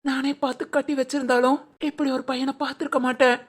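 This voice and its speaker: A high voice of a repentant middle-aged father, as a woman acts him out. He speaks gently and apologetically. This is cartoon voice acting. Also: level tone, fast, husky. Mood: remorseful.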